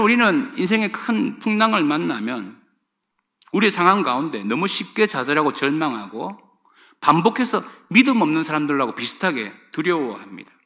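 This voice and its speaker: Male pastor, middle-aged, sermon; high, animated, bright delivery. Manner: emphatic preaching, addressing the congregation directly. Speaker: senior pastor.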